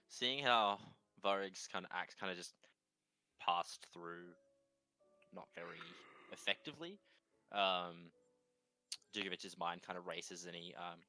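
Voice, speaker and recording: A man's voice: deep voice, takes it slowly, long pauses, sharp tone, smooth, dry recording, faint music behind, poor audio. A man playing a tabletop game, hesitantly describing what his character does in a casual way. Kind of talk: casual narration of character's actions.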